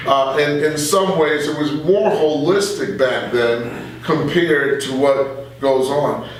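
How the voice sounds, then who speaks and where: This older man, 60s or beyond, talks politics in a relaxed, opinionated way full of anecdotes. His voice is a little high and his pace slow; the room echoes and the mic sits far from him.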